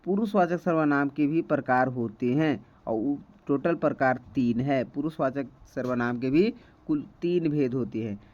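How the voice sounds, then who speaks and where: A man's voice: medium pitch, moderate pace, darkish tone. Man teaching grammar, dull lo-fi sound. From India. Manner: repeats key terms, frequent "ठीक है" checks. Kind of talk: Hindi grammar lesson.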